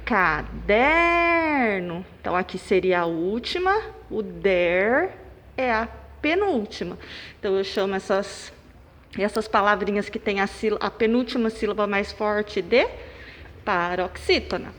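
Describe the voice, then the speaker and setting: A woman, a primary school teacher taking children through a worksheet. She speaks slowly and punches out stressed syllables. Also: medium pitch, expressive, a little hiss or hum. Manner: slow, clapping out syllables and stressing them loudly. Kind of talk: recorded remote lesson for children. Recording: long reverb, room echo.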